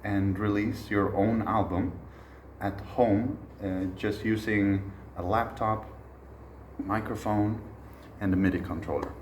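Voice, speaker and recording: Giving an informal masterclass lecture, a low-voiced man in his thirties, a musician originally from Sweden, talks in a relaxed, unhurried, reflective way. Frequent "uh" pauses break up his speech. A noticeable echo fills the room, with faint hiss beneath.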